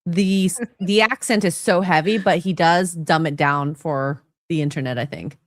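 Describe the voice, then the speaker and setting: A woman's voice: fairly low pitch, normal speed, no room sound, studio quality. A woman co-hosting a casual livestream chat, playful and teasing, laughing easily. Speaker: co-host.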